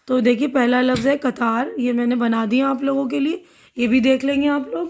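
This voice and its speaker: Female teacher, high-pitched, patient and explanatory, repeating words for students. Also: fairly even intonation, vocal fry, darkish tone, a little hiss or hum. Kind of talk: explaining a school lesson.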